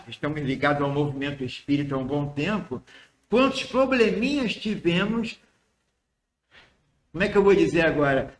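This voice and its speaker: High-voiced Brazilian man giving a spiritist lecture. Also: reverberant. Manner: conversational, asks the audience questions, asides and quick quips.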